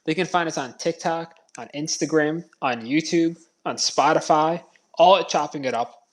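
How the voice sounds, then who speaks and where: A man's voice: a little high, normal speed. A man co-hosting a podcast in casual, informal chat with a self-deprecating way of talking. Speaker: podcast co-host.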